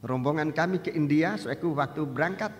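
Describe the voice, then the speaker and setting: An older male pastor delivers a sermon in a loose, conversational way, often asking the congregation direct questions. He drops to quiet asides, then climbs to loud, rising exhortations. His voice sits fairly high and rings with the long reverb of a church hall. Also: quick pace. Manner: loose, conversational preaching with direct appeals to listeners.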